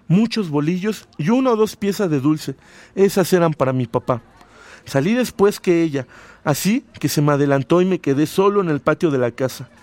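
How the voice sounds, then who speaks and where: High-voiced radio host, dry sound. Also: male voice, no room sound. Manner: expressive reading, voices quoted lines loudly. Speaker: radio host reading a story. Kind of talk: dramatic story reading, then casual radio chat.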